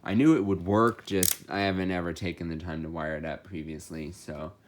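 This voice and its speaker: Speaking briskly in a low, steady voice, a man gives an offhand, unscripted tour of his hobby gear, explaining how it works in a plain, matter-of-fact manner. The audio carries noticeable background noise punctuated by clicks.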